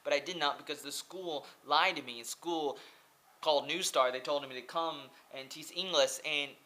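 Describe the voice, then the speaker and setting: His voice sits on the high side, with a sharp tone and normal speed. He's a young American vlogger and English teacher from Oregon, in his twenties, delivering a casual, earnest to-camera monologue in a small room via a close laptop webcam, full of "like" and repetition.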